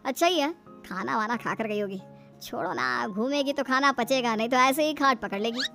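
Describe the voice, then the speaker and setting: A woman's voice: fairly high pitch, moderate pace, creaky, music in the background. A woman voicing an easygoing young adult son in a cartoon, with a casual, dismissive manner. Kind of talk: cartoon voice acting.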